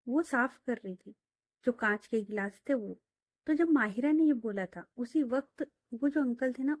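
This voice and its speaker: A woman's voice: a little high, a little mellow, no echo. Chatty woman telling a story. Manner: chatty, with frequent fillers. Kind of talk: casual story narration.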